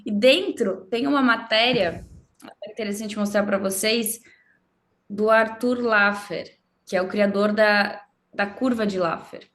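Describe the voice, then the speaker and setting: A woman's voice: medium pitch, measured pace, fairly bright tone. A woman from Brazil, a guest in an interview, explaining her views in a fluent, assertive and emphatic way. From southern Brazil.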